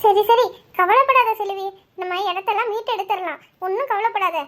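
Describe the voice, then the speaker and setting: A woman voices a firm older cartoon mother who scolds and comforts her family. The voice is very high, bright and quick. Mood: firm, comforting.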